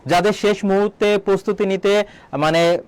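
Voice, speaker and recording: A high-pitched man leads an online exam-prep lesson. He asks questions, supplies the answers himself and slowly repeats key terms. The sound is dry and close. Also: steady tone, clear, resonant tone, no room sound. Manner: quizzes students, then answers his own questions. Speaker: admission exam tutor.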